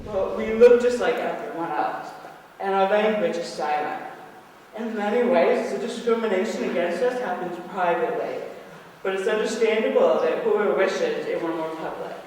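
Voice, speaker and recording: Earnest male reader, higher pitch, heard from a distance in a reverberant hall. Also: normal speed, a little mellow, slight background noise. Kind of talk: reading a personal essay aloud. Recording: echoey hall from far off.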